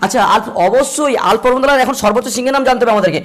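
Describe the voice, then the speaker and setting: Fast-talking man teaching grammar. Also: very high voice, fairly bright tone. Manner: repetitive, drills points, slows to spell out examples. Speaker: English teacher. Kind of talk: classroom grammar lesson.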